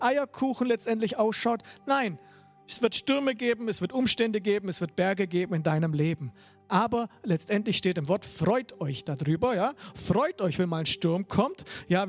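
High-voiced man preaching a casual sermon. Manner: conversational, peppered with "ja?"; rising to emphatic, excited pitch.

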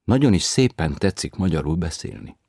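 A man voicing a fussy, gentle old grandmother who asks soft, anxious questions and sometimes drops to a hush. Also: low-pitched, big pitch swings, slightly rough, dry recording, studio quality, pitched above the performer's own voice, heavily acted. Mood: anxious, doting.

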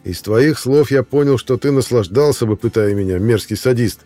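A cool, sarcastic man taunting his captor with dry irony, as a male reader puts him on. The voice sits a little above the reader's own, dark and mellow. An audiobook character reading. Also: medium pitch, moderate pace, soft background music, voice pushed up, close to an everyday voice. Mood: ironic. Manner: dry and ironic. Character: cool, sardonic male captive, calmly taunting.

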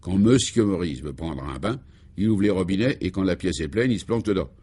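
A man playing an excitable, pompous male security chief in a radio serial, who talks in an emphatic, declamatory way. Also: sits low, a little fast, husky. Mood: indignant. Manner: agitated and exclamatory. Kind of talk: 1950s-style French radio serial acting.

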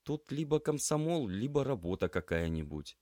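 A grumpy, sulky young woman activist, as a male narrator puts her on. Pitch raised above his own, but flat in force and grumbling. Dry, close recording. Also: moderate pace, dry recording, lightly acted.

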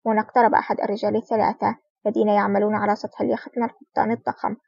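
A woman narrating a spy story in a brisk, steady reading. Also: mid-range voice, gravelly, slightly rough, no echo. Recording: dull lo-fi recording.

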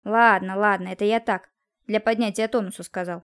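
A woman's voice: medium pitch, fast talker, darkish tone, close to an everyday voice. A woman reading the part of a male police lieutenant colonel who grumbles and then makes peace. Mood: grumbling.

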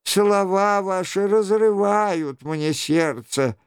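A man's voice: sits high, slow, clear, resonant tone, no room sound, studio quality, voice pushed up. A man voicing a sulky, evasive young royal duke who talks in a petulant way.

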